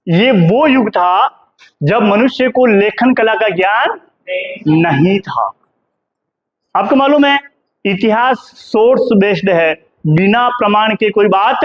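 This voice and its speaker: The recording is lo-fi, and the man's voice sits high: he's a middle-aged history professor from India teaching a class. He asks the students questions, answers them himself, refers to them as "beta," and keeps slipping "hai na" onto his sentences.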